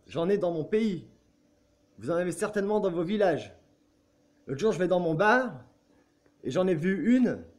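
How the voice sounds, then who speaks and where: A man with a notably high voice for his sex talks straight to his viewers in an excitable, insistent way. He repeats himself, keeps seeking their agreement, and lets casual swear words slip out. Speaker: video blogger. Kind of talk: casual talk to camera.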